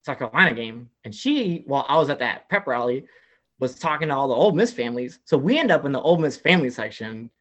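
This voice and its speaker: A man's voice: medium pitch, fast, highs cut off. Rambling man telling a story. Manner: rambling, many "like" fillers, animated retelling. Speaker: podcast guest. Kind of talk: casual storytelling chat.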